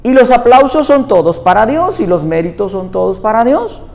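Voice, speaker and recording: Guy preaching a sermon, high voice, reverby room, quiet music under it. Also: sing-song, creaky. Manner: earnest, reads scripture aloud slowly. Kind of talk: sermon with Bible reading.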